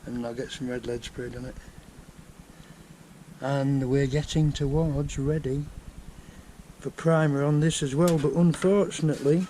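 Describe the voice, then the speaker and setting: A man's voice: on the high side, mellow, rough recording. An older man with a Yorkshire accent, chatting casually as he explains each step of a restoration job in his workshop. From England. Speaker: vlogger restoring a tractor. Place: home workshop. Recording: faint background noise.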